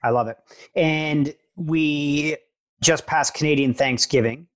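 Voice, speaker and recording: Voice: mid-range voice, slow pace. An interview host who asks long, thoughtful questions and affirms often. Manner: thoughtful, affirming listener with frequent backchannels. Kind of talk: casual interview conversation.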